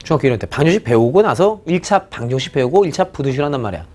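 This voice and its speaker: A male math teacher giving a recorded lecture. He is animated, stretches out key words for emphasis and keeps checking in with the class. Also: medium pitch, rapid-fire.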